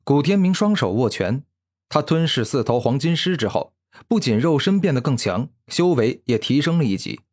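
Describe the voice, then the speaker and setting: A man narrating a fantasy web novel in an expressive storytelling manner. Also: mid-range voice, moderate pace. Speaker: audiobook narrator.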